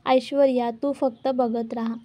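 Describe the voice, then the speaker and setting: A woman's voice: high voice, flat delivery, measured pace, warm tone. A woman reading the lines of a defiant young wife who challenges and taunts her rival in a TV serial retelling. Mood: taunting.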